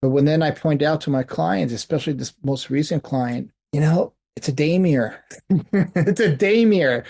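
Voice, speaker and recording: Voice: medium pitch, normal speed, vocal fry, a little mellow. An ADHD coach talking as a guest on a podcast, emphatic, repeating key phrases and laughing often. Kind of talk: conversational podcast interview.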